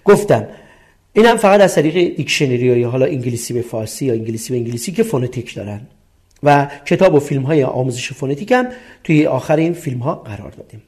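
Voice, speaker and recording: A man's voice: medium pitch, animated, a little mellow. A middle-aged man with a Persian accent, teaching a recorded English lesson and explaining each point step by step, asking questions and answering them himself.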